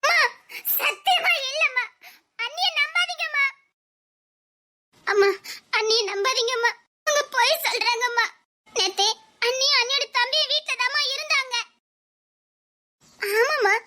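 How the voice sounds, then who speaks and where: A woman's voice: very high voice, bright, forceful tone. A woman voicing a frightened young heroine in a cartoon, pleading and close to tears. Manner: pleading, tearful. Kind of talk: cartoon voice acting.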